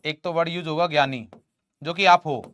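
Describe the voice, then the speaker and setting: A man's voice: a little high, a little fast, a bit bright, no echo, dull audio. A young man teaching chemistry in an online class, teasing and joking with his students. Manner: playful teasing, talks to students as "beta".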